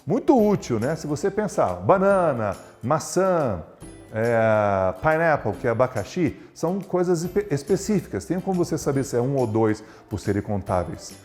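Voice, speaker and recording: A man teaching an English lesson, explaining lively and asking himself rhetorical questions as he goes. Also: medium pitch, normal speed, faint music behind. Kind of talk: recorded English lesson for students.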